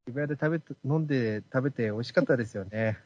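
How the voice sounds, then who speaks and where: A man co-hosting a casual chat podcast, telling stories quickly and playfully mimicking dialects. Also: mid-range voice, dry recording. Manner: quick, animated storytelling with playful impressions of dialect. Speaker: podcast co-host. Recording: dull, dry podcast audio.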